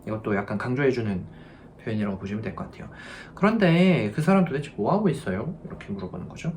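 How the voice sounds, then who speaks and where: A man's voice: medium pitch, sing-song, darkish tone, slight background noise. Patient male language teacher. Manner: explains patiently, drills verb forms by repeating them slowly. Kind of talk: online grammar lesson.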